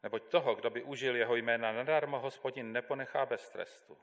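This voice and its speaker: A man giving a measured, deliberate Bible reading as a scripture reader in a church. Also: medium pitch, fairly even intonation, fairly bright tone. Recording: long hall reverb.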